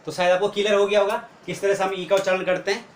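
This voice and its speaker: A man's voice: sits high, little pitch movement, very fast. A man teaching a video lesson, explaining step by step and often asking rhetorical questions. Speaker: English teacher. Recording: echoey room with faint noise.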